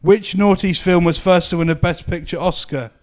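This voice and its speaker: Brief: male quizmaster, matter-of-fact delivery, slightly high, smooth. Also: steady tone, moderate pace, a little mellow. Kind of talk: reading quiz questions.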